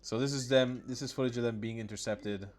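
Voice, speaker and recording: A man's voice: mid-range voice, fairly even intonation, brisk, a little mellow. A man hosting his own channel, giving mocking, sarcastic commentary on news clips, often laughing and swearing. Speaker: political commentary host.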